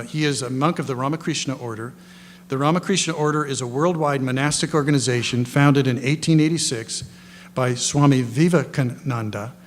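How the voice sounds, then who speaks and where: A man's voice: mid-range voice, a bit bright. A man hosting a lecture event, giving informal, partly read introductions in a rambling, self-correcting way with folksy asides. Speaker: lecture host introducing guest panelists. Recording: echoey hall, clear background noise and hum.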